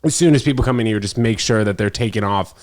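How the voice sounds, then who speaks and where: Young male podcast host, relaxed, casual, at home. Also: fairly low pitch, quick pace. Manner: relaxed, calls guests bro. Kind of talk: casual chat. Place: home apartment.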